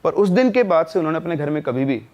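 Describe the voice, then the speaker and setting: A man's voice: on the high side, expressive, fast talker, darkish tone, highs cut off. A man casually telling a spoken horror story, conversational, with fillers and self-corrections.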